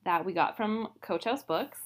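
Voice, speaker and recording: A woman's voice: mid-range voice, moderate pace, slight background noise. A woman co-hosting a book podcast in casual chat, laughing often and trailing off mid-sentence. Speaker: podcast co-host; writer.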